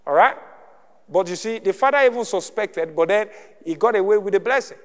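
High-voiced preacher man in a reverberant hall. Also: lively intonation, brisk. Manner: teaching with call-and-response checks. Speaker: pastor. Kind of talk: sermon. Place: church hall.

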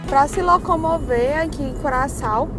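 A woman's voice: high voice, moderate pace, music in the background. A woman from Brazil narrating a travel vlog in a friendly, chatty way, talking straight to her viewers. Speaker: travel vlogger.

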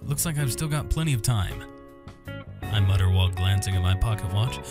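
Over guitar game music, a man with a fairly low, expressive voice hosts a gaming video at a brisk pace. He reads out visual novel lines, drops in side comments, and fumbles some names and words.

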